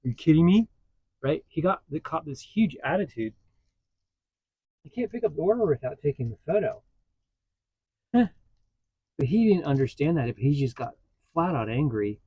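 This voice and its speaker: A man's voice: on the high side, normal speed, pauses often, slightly rough, no room sound, highs cut off. Chatty man vlogging from his vehicle. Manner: chatty, animated when retelling a story. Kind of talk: casual storytelling vlog. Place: inside a parked vehicle.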